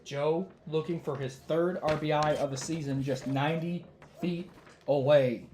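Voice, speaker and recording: A man doing baseball play-by-play who is losing his voice, with calm measured calls that rise on big plays. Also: a little high, reverberant, slight background noise. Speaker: play-by-play announcer.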